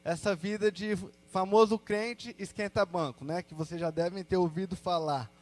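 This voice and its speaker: A young Brazilian man with a notably high voice shares his faith story before a congregation. He talks casually, full of slang, and breaks into quick quoted asides as he goes. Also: fairly even intonation. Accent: Brazilian Portuguese. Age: young adult. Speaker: church testimony speaker. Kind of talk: personal testimony to a congregation.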